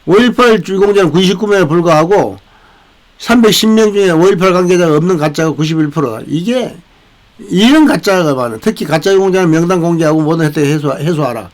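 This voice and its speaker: An older South Korean man who hosts a veterans' channel delivers rambling political commentary, restarting often and tacking on tag questions. His voice is on the high side and brisk, and the recording is rough.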